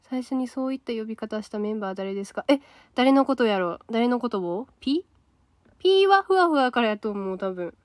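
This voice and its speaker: A woman's voice: a little high, expressive, a little fast, no echo. Chatty Kansai-accented young woman livestreaming. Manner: casual, chatty, reacts to comments aloud. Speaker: idol trainee livestream host. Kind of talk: solo livestream chat reading viewer comments.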